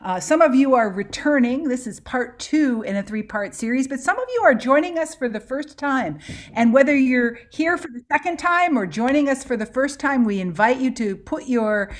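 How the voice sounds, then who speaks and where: Lady hosting an online session, kinda high voice, welcoming everyone. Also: expressive, normal speed. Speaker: host of a webinar series. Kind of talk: welcoming host introduction.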